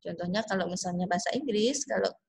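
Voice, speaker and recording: Indonesian-accented woman teacher, slow and explanatory, lecturing a class. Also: medium pitch, gravelly, a little mellow, husky. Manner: slow, explanatory, drawn-out English phrases. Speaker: English teacher. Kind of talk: online class lecture mixing English and Indonesian.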